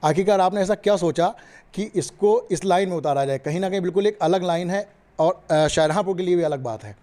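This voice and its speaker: A male interviewer whose voice sits a little high but sounds dark and mellow. He asks rambling, formal questions and leans on the same filler phrases again and again. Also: a little fast. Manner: long-winded, repeats filler phrases.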